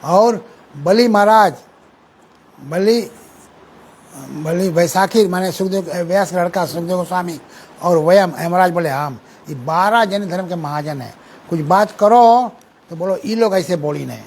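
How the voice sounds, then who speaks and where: A man with a high, light voice delivers a scripture sermon at an unhurried pace, explaining patiently and breaking into recited Sanskrit verses. The recording is low quality, with a faint hiss running beneath his words.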